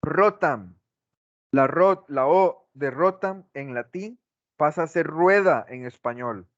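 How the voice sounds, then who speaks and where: A man's voice: fairly high pitch, slow pace, no room sound. A male teacher giving a class lecture, asking the class questions and repeating his examples, on a dull lo-fi recording.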